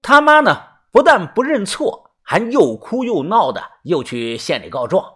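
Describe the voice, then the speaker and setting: Husky male storyteller with lively pitch. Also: normal speed. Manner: chatty, sprinkles 啊 and 呢 fillers. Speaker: narrator. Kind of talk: first-person audiobook storytelling.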